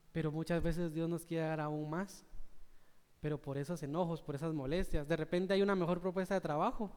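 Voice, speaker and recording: Earnest Guatemalan preacher in a reverberant church. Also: male voice, sits high, a little mellow, clean tone. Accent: Guatemalan Spanish. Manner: earnest, conversational, asks the congregation "¿verdad?". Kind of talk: sermon. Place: church sanctuary.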